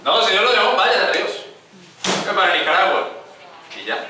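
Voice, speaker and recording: A man's voice: high voice, expressive, normal speed, noisy background. A man preaching a sermon to his congregation, calling them brothers and acting out the voices in the scripture he tells. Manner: addresses the congregation as brothers, acts out quoted voices. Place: church hall. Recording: echoey room, picked up from a distance.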